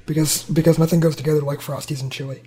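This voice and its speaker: A man co-hosting a podcast, joking around in an animated, casual way and laughing often. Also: a little high, fast talker. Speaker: podcast co-host. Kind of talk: casual chat.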